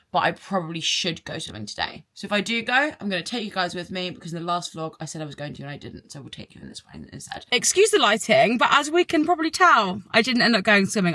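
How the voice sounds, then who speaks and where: A woman's voice: mid-range voice, pushed and bright. A woman in her mid-twenties vlogging to camera in a chatty, rambling, emotional way, with many restarts. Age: 20s. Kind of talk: casual chat to camera.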